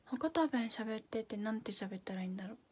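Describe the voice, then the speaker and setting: A woman's voice: a little high, expressive, fast, husky. A young woman from Fukuoka with a Hakata accent, chatting casually on a livestream and reading out viewer comments in a bubbly way. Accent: Hakata dialect. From Fukuoka, Japan. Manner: bubbly, chatty, drops to soft asides. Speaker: idol livestream host.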